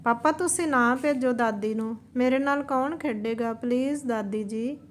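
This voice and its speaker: A woman's voice: a little high, normal speed, a little hiss or hum, natural voice. A woman voicing an innocent young boy who speaks earnestly and pleads. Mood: pleading.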